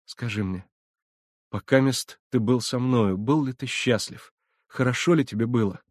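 A man reading as a weak, loving young village woman who talks softly and pleads. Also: medium pitch, unhurried, no echo, studio quality, voice pushed up, lightly acted. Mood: tender questioning.

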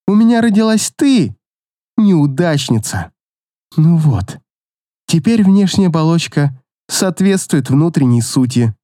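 A man voicing a cruel middle-aged mother in an audiobook, hurling shrill accusations. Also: mellow, no echo, clean studio sound. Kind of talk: audiobook character voice.

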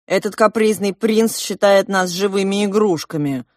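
A woman doing a sarcastic quarrelsome kid, teasing, high, storybook voice. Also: normal speed, darkish tone, no echo, clean studio sound, natural voice. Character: sharp-tongued quarrelsome child companion.

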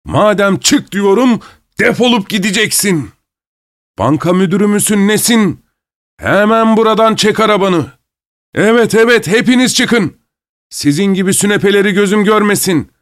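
A man voicing a drunk, brash masked man who bullies and mocks everyone, in a hoarse, booming voice. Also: expressive, unhurried, pauses often, dry recording, clean studio sound. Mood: bullying. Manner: loud, taunting, jeering.

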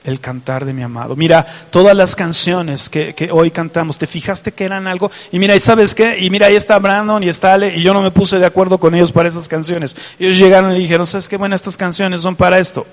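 A man's voice: high voice, steady tone, fast, few pauses, big-room sound. A man preaching a fervent sermon, reading scripture aloud and asking his listeners direct questions. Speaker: pastor.

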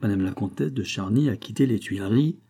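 A man's voice: on the low side, a little fast, warm tone, husky. A man reading an audiobook and voicing a puzzled king who asks insistent questions.

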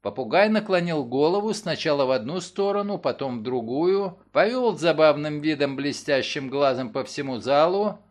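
A man reading a courtroom story aloud in expressive scripted narration. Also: fairly high pitch, normal speed, hardly any pauses. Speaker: audiobook narrator.

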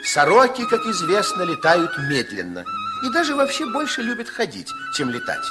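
Loud music sits behind a high male voice speaking at a normal speed. Narrating a Soviet children's radio play, he plays a playful, confiding fairy-tale storyteller with theatrical expressiveness.

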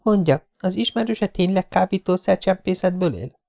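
A man's voice: expressive, gravelly. A man doing a nervous young woman reporter. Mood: anxious. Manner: raised falsetto-like pitch, softer delivery. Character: young female journalist, anxious and curious.

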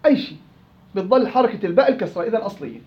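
A man's voice: high voice, very animated, very fast, echoey room, lo-fi sound. A man with a Levantine Arabic accent teaching Quran recitation rules in an interactive class, questioning and prompting his students.

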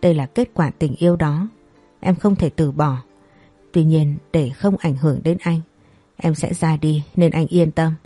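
A woman voicing a gentle young pregnant woman who speaks in a soft, apologetic way. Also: low voice, a little slow, slightly rough, dry recording, soft background music.

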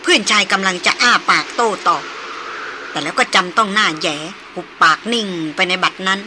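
A woman narrating a novel as an audiobook in an even, measured storytelling manner. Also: medium pitch, noisy background.

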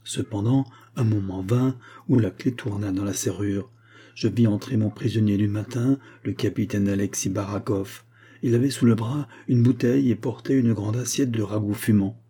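A man narrating a classic adventure story in the first person, with a measured, expressive reading. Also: lowish voice, slightly rough. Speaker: audiobook narrator.

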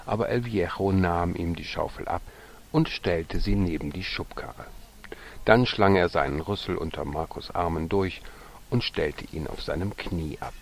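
A man reading a storybook aloud with gentle narration that sometimes drops to a soft whisper. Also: sits low, vocal fry, a little hiss or hum.

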